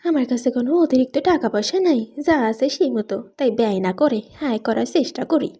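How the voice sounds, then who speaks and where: A woman's voice: on the high side, lively intonation, brisk, mellow, slightly rough. A woman reading the part of a blunt, foul-mouthed young husband in an audiobook, in coarse, rustic, teasing speech. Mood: calm.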